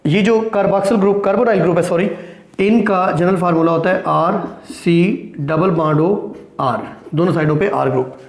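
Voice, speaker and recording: High-voiced man teaching chemistry, echoey room. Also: measured pace. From Pakistan. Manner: asks questions and answers them, frequent "right?"; mixes English technical terms into Urdu-Hindi speech. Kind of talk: classroom lecture at a board.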